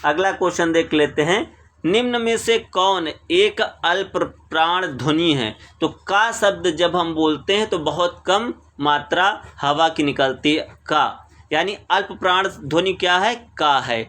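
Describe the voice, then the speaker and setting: A man's voice: fairly high pitch, a little slow, fairly bright tone. A man teaching exam questions, reading each question, repeating it and explaining the answer. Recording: screen recording voice-over.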